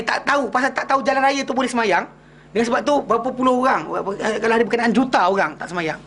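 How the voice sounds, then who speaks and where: Malaysian male religious teacher, fast and conversational, fires rhetorical questions at his class, faint hum in the room. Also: very high voice, sharp tone. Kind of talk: hadith class lecture.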